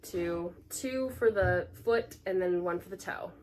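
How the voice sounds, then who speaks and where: A young woman co-hosting a casual knitting podcast, chatty and gushing, with sudden excited gasps. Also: on the low side, measured pace, slight background noise. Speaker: podcast co-host.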